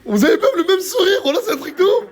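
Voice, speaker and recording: A man's voice: extremely high pitch, big pitch swings, fast talker, crowd noise. A man chats in street slang, an insistent mediator who keeps repeating short phrases. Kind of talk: casual chat in French suburban street slang.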